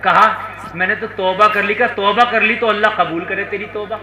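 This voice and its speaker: A male preacher with a very high, piercing, bright voice delivers a storytelling sermon to a conference audience. He swings from quiet narration to full shouts and keeps urging the crowd to call back. The sound rings around an echoey hall. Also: steady tone. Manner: dramatic, rising to shouts, coaxing the crowd to respond. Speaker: Islamic preacher. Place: conference stage before a crowd.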